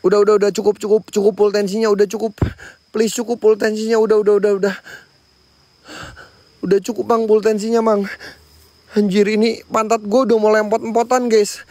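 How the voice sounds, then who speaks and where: A man's voice: sits high, little pitch movement, brisk, long pauses, a little mellow, no room sound. A man hosting a night ghost-hunting vlog outdoors near a sacred tree, jumpy and frightened as he talks to his viewers. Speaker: paranormal explorer and host.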